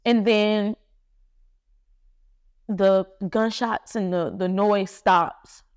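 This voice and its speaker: Young woman haltingly telling a painful story. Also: medium pitch, steady tone, clean tone, no room sound, studio quality. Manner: halting, emotional retelling with many fillers. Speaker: podcast host. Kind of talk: personal storytelling.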